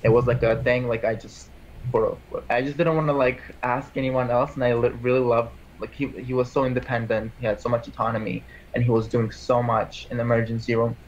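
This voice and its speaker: A man's voice: medium pitch, level tone, brisk, lo-fi sound, a little hiss or hum. A man in his twenties, born in Armenia, talking casually as an interview guest and rambling with lots of "like" and restarts. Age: 20s. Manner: rambling, heavy use of "like" and restarts. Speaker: interview guest, PA school applicant.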